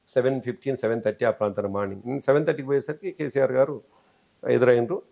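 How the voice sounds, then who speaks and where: A man's voice: mid-range voice, creaky, darkish tone. A man with a Telangana Telugu accent, an interview guest telling a long story and acting out quoted speech.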